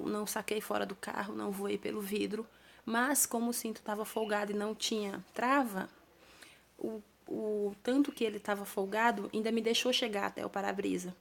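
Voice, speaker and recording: A woman's voice: mid-range voice, steady tone, moderate pace, vocal fry. A young woman with a Brazilian Portuguese accent, telling her own story to camera in an earnest, plain-spoken way, with small restarts.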